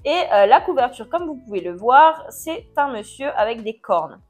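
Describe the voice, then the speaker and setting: A woman giving a casual book review chat, chatty and jokey, with mock dismay and quick self-corrections. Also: sits high, sing-song, faint music behind.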